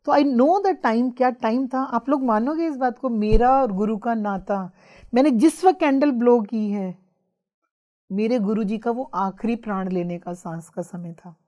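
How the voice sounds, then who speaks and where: A woman telling her spiritual experiences as a guest in an emotional storytelling style, mixing English phrases into her Hindi and rising into intense, excited outbursts. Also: a little high, unhurried, lo-fi sound.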